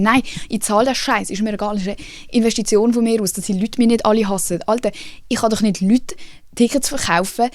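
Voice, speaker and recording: A woman's voice: mid-range voice, dry recording. Chatty young Swiss woman, dry sound. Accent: Swiss German. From Switzerland. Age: young adult. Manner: lively, swears casually, mixes in English phrases. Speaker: podcast host. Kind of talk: casual storytelling chat.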